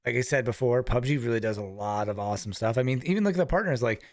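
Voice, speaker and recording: A man co-hosting a gaming podcast in casual chat, agreeable and quick to back up his partner. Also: medium pitch, expressive, no echo, clean studio sound. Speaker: podcast co-host.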